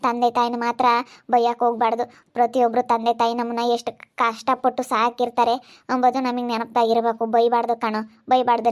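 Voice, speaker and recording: A woman acting as a village aunt handing out moral lessons in a homemade village drama. Her voice is high and stays flat, and she lectures in a steady, preachy way. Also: natural voice. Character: older village aunt who gives moral advice.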